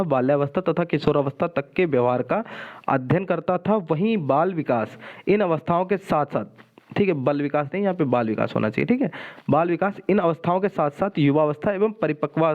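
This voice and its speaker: A man's voice: on the high side, narrow, tinny audio. A male teacher giving an exam-prep lecture, explaining step by step and checking in with "okay" after each point. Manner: explanatory, repeats "ठीक है" often.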